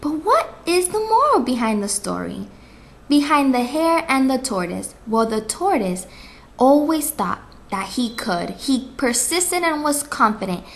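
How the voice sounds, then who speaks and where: A young woman telling a fable aloud in an expressive, sing-song way. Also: high voice, unhurried. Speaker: storyteller. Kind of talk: read-aloud fable narration.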